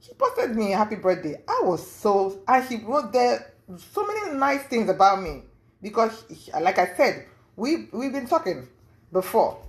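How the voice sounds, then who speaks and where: A woman telling her story in a casual interview, rambling with many fillers and acting out what others said in a high voice. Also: big pitch swings, measured pace. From lives in the US. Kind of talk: casual storytelling recounting events.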